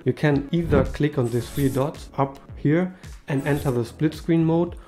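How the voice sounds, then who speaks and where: A tech video host in his thirties, English being his second language, speaks to camera from a small room with a mellow, warm, medium-pitched tone. His manner is upbeat and casual, his phrasing slightly non-native, and faint music plays beneath him.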